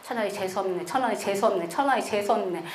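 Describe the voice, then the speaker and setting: High sneery teen girl bully, woman doing the voice, nasty and mocking. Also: lively intonation, moderate pace, bright, forceful tone, slight background noise, full character voice. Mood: sneering. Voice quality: sneering, taunting. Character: spiteful teenage schoolgirl bully, sneering.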